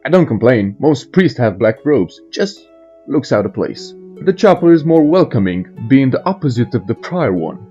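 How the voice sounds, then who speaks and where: Animated, muffled man narrating game lore. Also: medium pitch, moderate pace. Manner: irreverent, storytelling. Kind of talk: scripted narration with joking asides. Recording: muffled voice over faint music.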